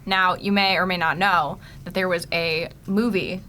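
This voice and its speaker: A woman's voice: on the low side, steady tone, normal speed, bright, forceful tone, slight background noise. A young adult woman co-hosting a casual podcast, laughing often and rambling through her points with fillers. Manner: giggly, rambling, lots of fillers. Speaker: podcast co-host.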